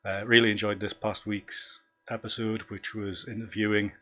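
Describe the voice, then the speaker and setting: Low-voiced Northumbrian man, chatting casually. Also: level tone, moderate pace, a bit bright. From Northumberland, England. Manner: rambling, self-deprecating, easily sidetracked. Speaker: live stream host. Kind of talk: casual live stream chat. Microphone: desktop microphone.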